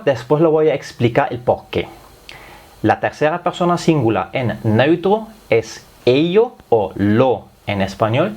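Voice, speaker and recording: A man whose first language is German, speaking Spanish with a slight German accent, patiently teaching a language lesson step by step. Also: medium pitch. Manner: patient, step-by-step explaining with frequent "es decir". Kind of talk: explanatory lesson.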